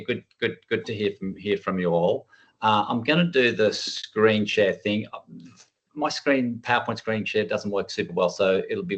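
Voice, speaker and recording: A man with a fairly low voice gives an informal online presentation over a video call, speaking in a conversational, self-deprecating way. He is a workshop presenter who chairs a working group, and the recording sounds muffled.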